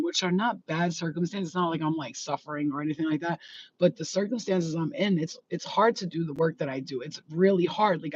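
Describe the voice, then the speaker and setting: A woman's voice: lowish voice, darkish tone. A woman, a spiritual healer ranting bluntly and profanely to her viewers. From New York. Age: 40s. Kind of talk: casual rant to viewers. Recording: slightly dull, faint background noise.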